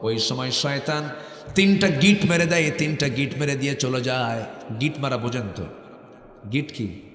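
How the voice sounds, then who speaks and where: A man's voice: medium pitch, normal speed, a bit bright. Middle-aged male preacher, North Bengal accent, call-and-response sermon, roomy echo. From Bangladesh. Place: large outdoor sermon gathering. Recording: echoey hall, long reverb.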